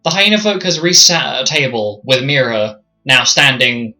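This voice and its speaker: A man narrates a tabletop roleplaying game as game master. His voice is bright and forceful at a middling pitch, with faint music behind it. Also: animated, moderate pace, low-quality recording.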